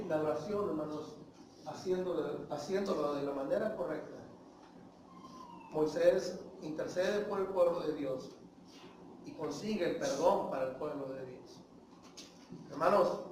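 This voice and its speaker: Heard from a distance in a very echoey church hall, with slight background noise, this preacher's voice sits on the high side. He speaks with a Mexican Spanish accent, delivering a forceful sermon, addressing listeners as "hermanos" again and again and asking them questions.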